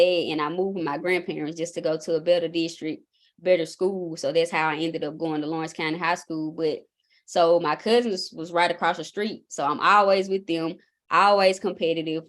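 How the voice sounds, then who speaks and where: A young woman with a Southern drawl from Mississippi, talking in a relaxed, folksy way as an interview guest. Her voice sits a little low for a woman, and she tells things in easy, rambling runs. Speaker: basketball coach, guest. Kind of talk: casual interview.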